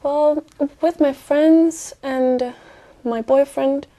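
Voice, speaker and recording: A young woman from Brazil, an exam candidate speaking hesitantly with many fillers and pauses. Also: sits high, steady tone, dark tone. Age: young adult.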